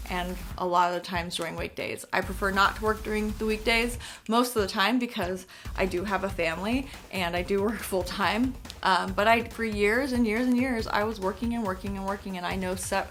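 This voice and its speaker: Female advice vlogger, mid-pitched, lisp with whistling s, earnest and encouraging, music underneath. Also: fairly bright tone. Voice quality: lisp with whistling s from clip-in veneers. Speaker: singer giving career advice. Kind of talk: casual direct-to-audience advice talk.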